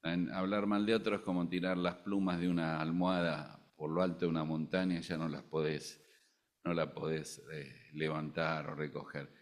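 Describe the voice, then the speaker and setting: An older man from Argentina delivers a sermon in his native Argentine Spanish accent. His voice sits very low and deep. He speaks in an animated way, with humorous asides and loud rises for emphasis. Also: normal speed. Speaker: preacher.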